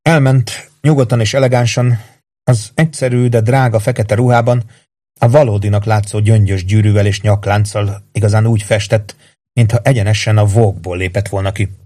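A man narrates a novel in a measured, even way. His voice sits a little on the low side for a man, steady through long passages. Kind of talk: audiobook reading.

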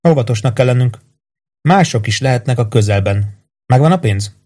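A man's voice: medium pitch, animated, mellow, natural voice. A man reading an audiobook, voicing a nervous but determined woman who speaks urgently. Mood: tense.

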